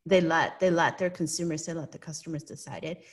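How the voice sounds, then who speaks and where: As a guest in an interview, this Hong Kong woman speaks brisk, earnest, explanatory English with a Hong Kong accent, frequently adding "right?" to check in. Her voice sits low with fairly even intonation.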